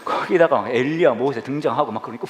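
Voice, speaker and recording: A man preaching a casual, humorous sermon, acting out scenes with sound effects and mock shouts in a church. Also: medium pitch, fast talker. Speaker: pastor. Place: church sanctuary. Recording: echoey hall, voice somewhat distant.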